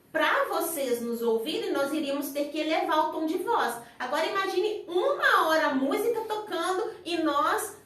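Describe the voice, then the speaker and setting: A woman's voice: high-pitched, slight background noise. A Brazilian woman with a Brazilian Portuguese accent, a psychologist co-hosting a live chat, explaining points in a conversational way. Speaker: psychologist, co-host. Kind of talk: live-stream chat on public speaking. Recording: very echoey room, far from the mic.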